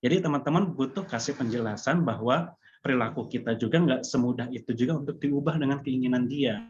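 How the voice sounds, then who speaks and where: A man answering a question in a webinar, calm and explanatory, with frequent hesitation fillers. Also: mid-range voice, a little fast, a little hiss or hum. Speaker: webinar speaker. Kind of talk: advice in a Q&A. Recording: dull lo-fi online call audio.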